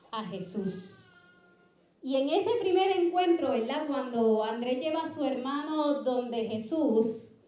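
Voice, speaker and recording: High-voiced Puerto Rican woman preaching. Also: warm tone, reverberant. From Puerto Rico. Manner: earnest, keeps asking ¿verdad?, storytelling asides. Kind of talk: sermon. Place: church sanctuary.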